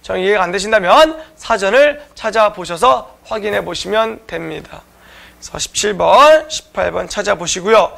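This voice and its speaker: A man's voice: high voice, expressive, moderate pace, gravelly, a bit bright. A man teaching an online exam-prep lecture, explaining answers to viewers with frequent filler sounds.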